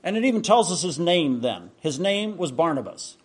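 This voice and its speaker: A man's voice: a little high, very animated, normal speed, slightly rough. A man preaching a sermon, telling stories in a conversational way with frequent restarts.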